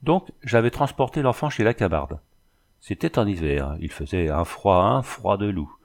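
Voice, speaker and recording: Low-voiced man narrating an adventure novel. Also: expressive, normal speed. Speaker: audiobook reader. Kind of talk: storybook narration.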